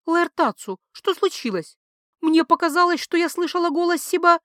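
A woman's voice: lively intonation, normal speed, a bit bright, no echo, clean studio sound. A woman voicing an indignant young wife who screeches back at her jealous husband. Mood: alarmed. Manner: shrill, indignant, high-pitched. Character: shrill, furious young wife.

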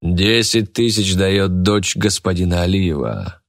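A man's voice: low-pitched, expressive, vocal fry, dry recording, clean studio sound, heavily acted. A man voicing a smug, greedy male auctioneer who draws out his announcements. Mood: gloating. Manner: drawn-out, gloating announcing.

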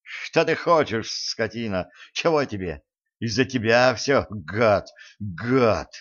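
A man's voice: expressive, slow pace, fairly bright tone, heavily acted. A man voicing a drunk, enraged woman who screams curses at her husband, in a dull audiobook recording. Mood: drunk fury. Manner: screaming insults, shrill.

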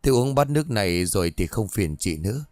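A man's voice: on the low side, sing-song, fast talker, darkish tone, no room sound, studio quality. A man voicing a humble, worried village father asking for help in a spoken ghost story.

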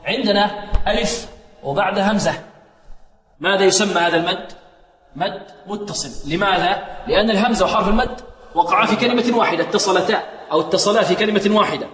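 A man teaching Quran recitation rules, quizzing his students and chanting verses slowly to show each rule. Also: high voice, fairly bright tone, echoey room, big-room sound. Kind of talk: tajweed lesson with sung recitation.

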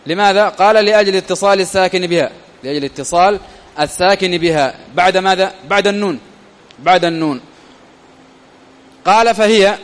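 High-voiced male teacher, reverberant room. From Ethiopia. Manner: repeats phrases and asks rhetorical questions, then answers them. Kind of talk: explaining a classical grammar text. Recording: long reverb.

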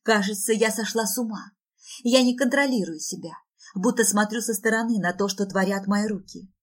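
A woman's voice: mid-range voice, moderate pace. A woman reading a first-person audiobook with dramatic, emotional delivery. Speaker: audiobook narrator.

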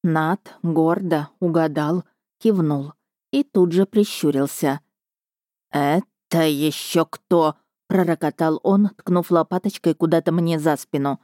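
A woman reading a first-person audiobook story in a measured, wry manner. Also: sits low, dark tone, no echo, clean studio sound. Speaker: audiobook narrator.

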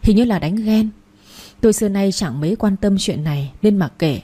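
A woman tells a first-person story in a steady, plain voice. Her tone is mellow and dark, with a slightly husky edge. She voices the other people in the story only lightly. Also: medium pitch, normal speed. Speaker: audiobook narrator.

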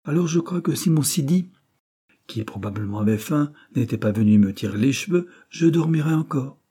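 A man's voice: mid-range voice, moderate pace, slightly rough, pitched above the performer's own voice. A man reading aloud, voicing a blunt young male chauffeur-mechanic who talks in colloquial slang. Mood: worried. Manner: colloquial, animated working-class talk.

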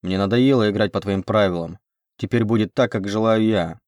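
A man's voice: lowish voice, brisk, a little mellow, no echo, studio quality, close to an everyday voice. A man reading an audiobook, voicing a domineering, possessive male suitor who growls his commands.

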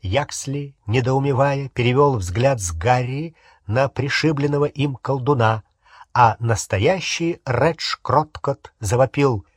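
Male audiobook narrator, unhurried, husky, dry close sound. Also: medium pitch, no room sound. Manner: unhurried expressive storytelling. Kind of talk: audiobook reading.

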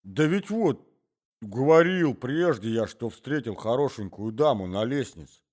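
A man's voice: medium pitch, expressive, measured pace, a little mellow, pitched above the performer's own voice. A man voicing a forgetful old husband who rambles and coughs as he talks. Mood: doddering chatter. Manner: rambling, wheezy, coughs often.

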